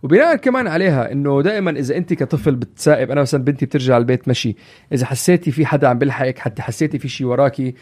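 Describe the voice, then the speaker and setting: A man co-hosting a casual parenting chat, telling stories in a lively way and dropping in English phrases. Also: mid-range voice, racing, breathy edge. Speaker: podcast co-host, parent.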